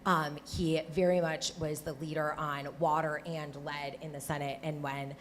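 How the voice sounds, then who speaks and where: On a live panel, a former Senate staffer with a Michigan accent talks in a low, level tone. She keeps it conversational, frequently starting over and tossing in a quick "right?", against a faint background hiss.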